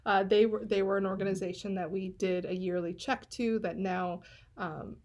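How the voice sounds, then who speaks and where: A woman's voice: mid-range voice, steady tone, moderate pace, a little mellow. A woman pastor hosting a casual, enthusiastic chat. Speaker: pastor and host.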